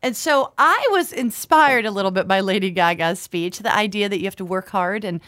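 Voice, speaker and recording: A woman's voice: mid-range voice, fairly quick, a bit bright, dry recording. Upbeat lady host, dry close sound, laughs easy. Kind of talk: casual interview chat.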